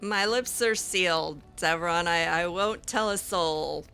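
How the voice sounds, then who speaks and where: A woman roleplays in character over a video game, chatting casually and hesitantly with a wry edge and lots of ums. Her voice is fairly low, creaky, pushed and bright, and she speaks slowly. The tone is clean.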